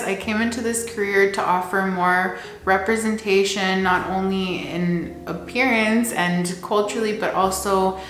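A young woman who is a licensed counselor from the Texas border region of the US talks casually to camera in a mid-range voice with flat delivery. She's candid and conversational, slipping in Spanish words. She's in an indoor home room with plants and shelves, and the sound is roomy.

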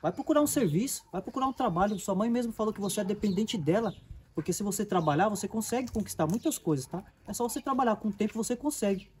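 A man's voice: sits high, lively intonation, quick pace, a little mellow, a little hiss or hum. A man with a Brazilian accent playing a humble, patient man who lectures a rude girl in an amateur skit. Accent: Brazilian Portuguese. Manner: patient, moralizing. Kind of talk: amateur comedy skit acting.

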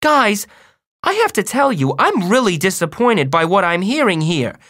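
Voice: mid-range voice, sing-song, unhurried, fairly bright tone, no room sound, studio quality. A narrator voicing a firm, caring mother who admonishes her sons in an audiobook. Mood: stern, disappointed. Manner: earnest, admonishing. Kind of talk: audiobook character voice.

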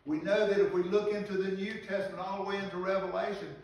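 An older man giving a sermon from a church pulpit, reading scripture and preaching earnestly, with slow pauses and restarts, recorded from the pews. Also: sits high, level tone. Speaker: pastor. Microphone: far camera in the pews. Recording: echoey church from far off.

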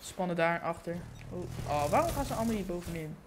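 A man from the doing excitable gameplay commentary while he has the hiccups, so his voice keeps cracking. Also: high-pitched. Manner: excitable, swearing, quick exclamations. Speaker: gaming YouTuber. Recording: game gunfire noise in background.

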